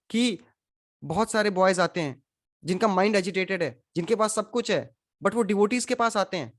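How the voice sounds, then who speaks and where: A man leads a scripture class in a steady, conversational voice. He keeps asking his listeners questions and drops English phrases into his explanations. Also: sits high. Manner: questions the audience, mixes in English. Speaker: spiritual teacher. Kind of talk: Gita class lecture.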